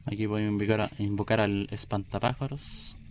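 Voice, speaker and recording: A man's voice: lowish voice, little pitch movement, fairly quick, a little hiss or hum. Chilean man casually commentating a game. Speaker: video game streamer. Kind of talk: casual let's play commentary. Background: game music.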